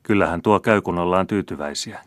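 Brief: male reader as an unbothered young scholar, lightly teasing, a bit lifted from his deep voice, dry sound. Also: dry recording, close to an everyday voice. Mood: calm. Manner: easy, mildly teasing, unbothered. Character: calm, amused young scholar man. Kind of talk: audiobook character reading.

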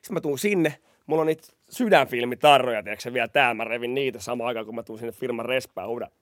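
A young man hosts a podcast, telling a story in a casual chat, laughing and acting out what people said in an animated way. His voice is mid-range, and the clean studio recording has no room sound.

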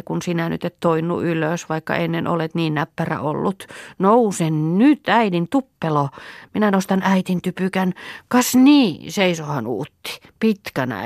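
A woman's voice: lowish voice, vocal fry, dry recording, studio quality. A woman voicing a tender little girl who coaxes and fusses over a friend in a storybook reading. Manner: soft and coaxing, then wailing.

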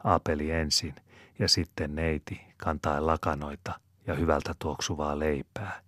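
A man narrates an audiobook in a calm, measured way. His voice is very deep and low, recorded close and dry with no room sound. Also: no echo. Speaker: audiobook reader.

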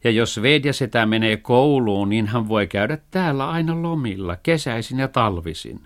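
A man voicing a thrifty, practical male cat in a children's story reading, talking brisk and matter-of-fact. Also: medium pitch, expressive, close to an everyday voice.

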